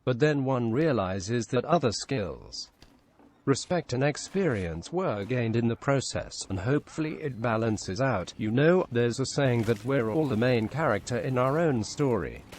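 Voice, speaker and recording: Computer-voiced male narrator: text-to-speech, flat machine delivery, faint hiss behind. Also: medium pitch, unhurried. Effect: synthetic text-to-speech computer voice. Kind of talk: reading a written story aloud.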